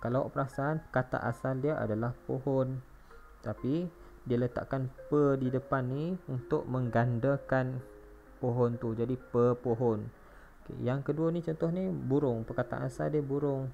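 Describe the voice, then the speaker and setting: Gravelly Malaysian Malay schoolteacher. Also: male voice, medium pitch, darkish tone. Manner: patient, spells words letter by letter. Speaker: primary school teacher. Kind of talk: recorded classroom lesson. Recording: dull lo-fi recording with faint music.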